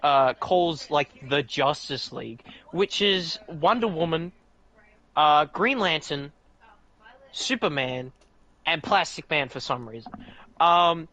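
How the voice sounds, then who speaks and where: Excitable, swearing man on a podcast. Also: slow, low-quality recording. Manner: excitable, profane storytelling with restarts; leaps to much higher pitch when outraged. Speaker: podcast host. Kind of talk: casual podcast chat.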